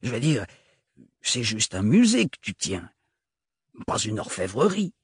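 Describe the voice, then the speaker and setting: A man's voice: medium pitch, big pitch swings, a little slow, husky, dry recording, studio quality, pitched below the performer's own voice, full character voice. A man reading aloud, voicing a grumpy old great-uncle who scolds in indignant outbursts in a storybook. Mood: grumbling.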